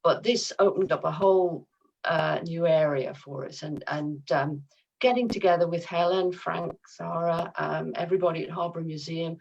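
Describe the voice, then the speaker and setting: Woman panelist, husky lowish voice, far from the mic, muffled. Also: moderate pace. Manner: warm reflective, hesitant with fillers. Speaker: museum panelist. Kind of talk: reflective panel talk.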